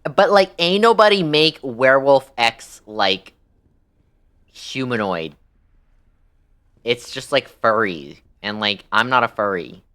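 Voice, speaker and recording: A man with a medium-pitched, animated voice livestreams a game, taking it slowly with long pauses and a pushed, bright delivery. He chats casually with his viewers, crude, joking, and slangy, often repeating himself.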